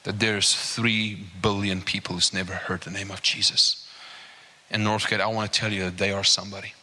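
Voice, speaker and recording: Guest preacher, male, low-pitched voice with a sharp, forceful edge, emphatic sermon delivery. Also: moderate pace. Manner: emphatic, repeats "right?" and "okay?"; grows higher and more animated as he builds. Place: church service.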